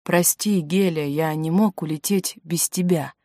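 A woman's voice: on the low side, a little slow, darkish tone, dry recording, clean studio sound. A woman reading the part of a wounded, feverish young man in an audiobook. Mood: feverish, tender.

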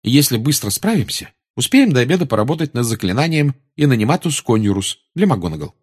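Guy reading as a bossy know-it-all schoolgirl witch, pitched up, kinda husky, storybook. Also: very animated, fast, a little mellow.

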